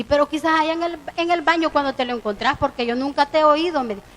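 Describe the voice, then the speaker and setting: A Salvadoran woman preaching in a high voice, telling a story from daily life as part of a sermon. She acts out both sides of a conversation in a lively way. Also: low-quality recording. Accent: Salvadoran Spanish. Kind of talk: sermon with retold dialogue. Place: church.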